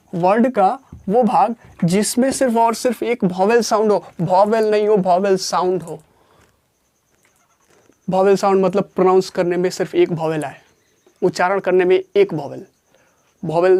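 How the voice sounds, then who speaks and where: A grammar teacher giving a classroom lesson, repeating each point and slowly dictating definitions word by word. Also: mid-range voice, warm tone. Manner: repeats points and asks questions before answering them.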